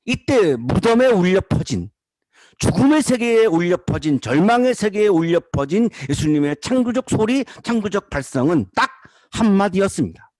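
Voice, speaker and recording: A man's voice: high voice, a little mellow, no room sound. A man preaching a sermon, building emphasis through repeated rhetorical questions. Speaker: pastor.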